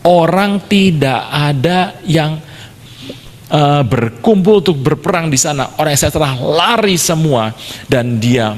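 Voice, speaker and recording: Guy preaching a sermon, animated storyteller doing sound effects, big echoey church hall. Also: mid-range voice. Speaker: pastor.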